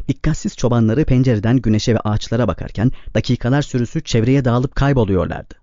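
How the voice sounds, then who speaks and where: A male narrator reads a novel in a steady, measured way. His voice is warm and mellow at a middle pitch. The recording is dry and somewhat muffled. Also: dry recording. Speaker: audiobook narrator. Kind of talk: scripted narration. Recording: slightly dull, dry recording.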